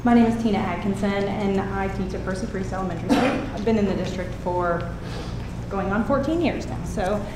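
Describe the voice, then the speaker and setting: A middle-aged woman with a thin, squeaky voice, speaking informally and a little nervously as she gives earnest public comment at a meeting. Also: brisk. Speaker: elementary school art teacher. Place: indoor public meeting room. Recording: echoey room with clear background noise.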